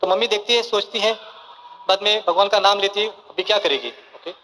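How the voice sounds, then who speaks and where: A man's voice: high-pitched, fairly even intonation, brisk, pushed and bright, slight background noise. A man giving a motivational seminar speech in a large hall, mixing Hindi with English phrases and often checking in with his audience. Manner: keeps checking in with the crowd, asking for yes or no and saying okay. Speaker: motivational business speaker. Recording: reverberant hall sound.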